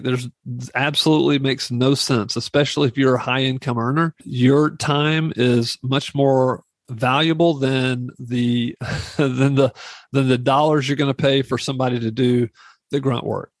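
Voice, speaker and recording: A man's voice: medium pitch, dry recording. A middle-aged man hosting a podcast, giving informal advice in a rambling, repetitive monologue. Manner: rambling, repeats phrases for emphasis. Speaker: real estate investing podcast host.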